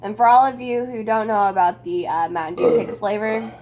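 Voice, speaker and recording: A woman's voice: mid-range voice, brisk, a little mellow, soft background music. A young adult woman chatting casually to camera as a vlogger, playful, teasing and sweary.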